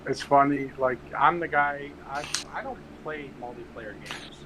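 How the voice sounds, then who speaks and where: A man in his late thirties, a guest chatting casually on a stream, laid-back and quick to laugh. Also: medium pitch. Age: 30s. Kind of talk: casual chat. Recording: heavy background noise.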